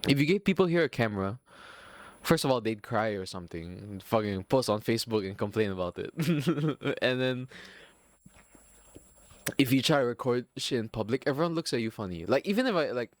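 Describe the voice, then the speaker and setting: Hosting a solo podcast, a young adult man from Singapore with a Filipino accent talks in a rambling, profane, self-deprecating way. He sounds animated, at normal speed and medium pitch, in a dry recording with no room sound.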